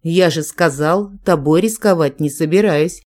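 A reader voicing a cautious young male inquisitor with a wry manner, in a calm, steady audiobook reading. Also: a little high, measured pace, close to an everyday voice.

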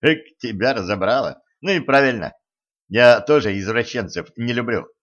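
A man's voice: mid-range voice, moderate pace, a bit bright, natural voice. Give me a man playing a cheerful, joking young man with a wry edge, in a muffled audiobook recording. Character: cocky, jokey young man, a trainee fighter.

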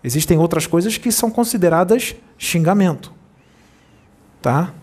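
A man's voice: high-pitched, lively intonation, moderate pace, darkish tone, breathy edge. A man speaking as a spiritual medium, giving a channeled sermon in an admonishing tone and asking many rhetorical questions.

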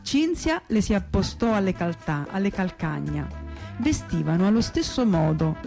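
A woman reading a fable aloud on a radio show in a studio, in a calm, steady storytelling manner. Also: mid-range voice, normal speed, gravelly. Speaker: radio reader. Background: faint music.

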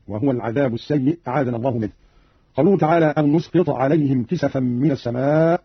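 A man giving a formal scripted radio explanation of Quran readings, slowing as he quotes each verse. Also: medium pitch, slightly rough, no echo. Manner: measured formal delivery, slows to quote verses. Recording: dull old radio recording.

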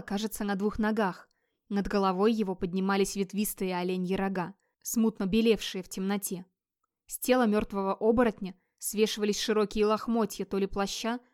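A woman narrating a fantasy audiobook, reading in a measured and tense storytelling manner. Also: medium pitch, a little mellow.

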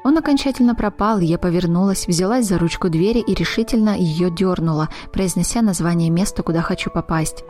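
A woman narrating a first-person fantasy audiobook, voicing each character's lines slowly and deliberately. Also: on the low side, a little mellow, soft background music.

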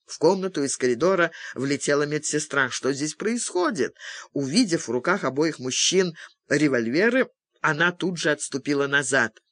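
A man narrating a thriller audiobook in an expressive, measured way. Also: fairly high pitch, dry recording.

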